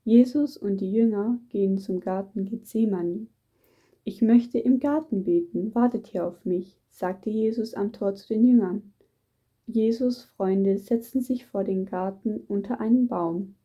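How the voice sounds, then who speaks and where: A woman reading a children's Bible story aloud in a gentle, measured storytelling manner. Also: medium pitch, fairly even intonation, breathy edge. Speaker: story reader. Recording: dull muffled recording.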